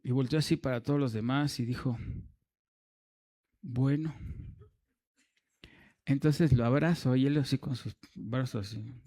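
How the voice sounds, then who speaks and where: Male preacher, mellow tone, storytelling sermon with jokes and asides. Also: medium pitch, measured pace, pauses often. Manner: storytelling with humor and asides to the congregation. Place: church.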